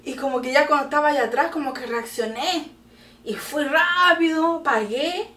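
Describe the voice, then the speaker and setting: A middle-aged woman with a Chilean accent, telling a story to her daughter in casual chat, animated and laughing often. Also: high voice, a little fast, recorded from a distance. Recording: echoey room, voice from off the mic.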